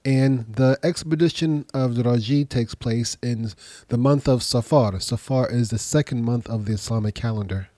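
A man's voice: mid-range voice, mellow, no room sound, clean studio sound. A slightly congested, nasal man getting over a cold, hosting a podcast as an informal history lecture, explaining and often rephrasing himself. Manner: explanatory, pausing to rephrase and repeat. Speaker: podcast host.

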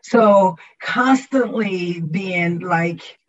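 A woman's voice: lowish voice, extremely slow, slight background noise. A woman from Trenton, New Jersey, telling her story thoughtfully in a group discussion. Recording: distant, dull lo-fi mic.

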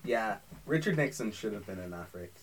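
A man's voice: lowish voice, lively intonation, brisk, slight background noise. A young man co-hosting a podcast, chatting casually and rambling off on tangents. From Ireland. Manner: rambling, full of restarts and tangents. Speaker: podcast co-host. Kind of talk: casual chat.

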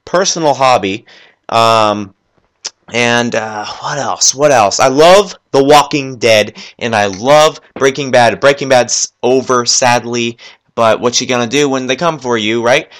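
A man hosts his own gaming podcast alone at his computer. He talks fast and with enthusiasm, rambling from point to point and restarting sentences as he goes. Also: medium pitch, a bit bright. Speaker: podcast host. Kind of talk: solo gaming podcast chat. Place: at his computer, working while talking.

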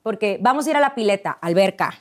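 A woman's voice: medium pitch, expressive, fast talker. A woman from Monterrey, a guest chatting casually and acting out quoted voices as she tells stories. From Monterrey, Mexico. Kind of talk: casual chat.

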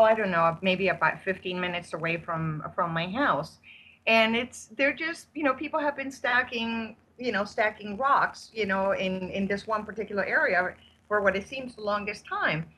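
Brief: chatty female interview guest, bright and tense tone, full of fillers. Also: medium pitch, low-quality recording. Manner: chatty storyteller, many fillers. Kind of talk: casual interview chat. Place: at home in Spain, on a remote call.

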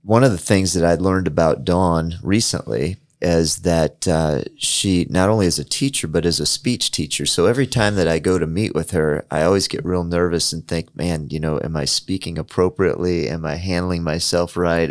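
Deep-voiced easygoing podcast host. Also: male voice, normal speed, hardly any pauses, dry recording, studio quality. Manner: easygoing, many fillers. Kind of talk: casual podcast chat. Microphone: studio microphone.

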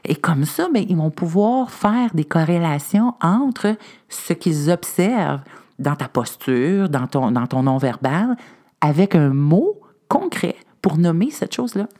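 A Québécois woman talks through parenting advice in a relaxed, conversational way, slipping into little acted-out lines of what a parent might say aloud. Her voice sits on the lower side and has a warm, mellow tone. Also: unhurried. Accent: Québécois French. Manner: animated, acts out little scenes of what parents can say. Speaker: parenting expert guest.

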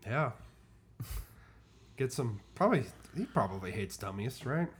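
Excitable joking podcast co-host man. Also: mid-range voice, measured pace, breathy edge. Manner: excitable, joking, swears freely. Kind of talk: casual chat.

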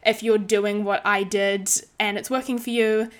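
She hosts a solo podcast in a relaxed, sweary, playfully dramatic style, her mid-range voice level in tone and moderate in pace. Heavy rain provides a constant backdrop.

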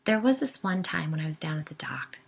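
Lady doing a touchy yogi wife, defensive, low gravelly voice. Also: animated, fairly quick, full character voice. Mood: hushed. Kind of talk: audiobook character voice.

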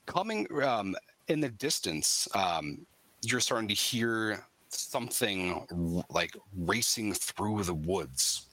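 A man narrating a tabletop game as game master, in a halting way with many ums and uhs. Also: on the low side, very animated, bright, forceful tone.

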